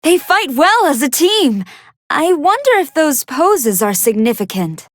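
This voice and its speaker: A woman playing a polite, excitable young android scientist who fights a hidden hunger, giving earnest, articulate commentary in an anime fighting game. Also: high voice, unhurried, no room sound, studio quality. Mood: curious, analytical. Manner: articulate, earnest, formal scholarly phrasing.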